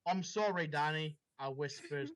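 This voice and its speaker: A man reads fan fiction aloud, stopping now and then for casual, chatty asides. His voice is fairly high and fairly bright, at a normal speed, captured on a dull lo-fi recording.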